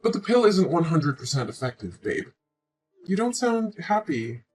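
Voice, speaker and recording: A deep, darkish female voice swings widely in pitch at a normal pace, faint music behind it. She's a woman in her twenties voicing a hurt, pleading pregnant girlfriend in a scripted relationship drama, full of emotion and reproach.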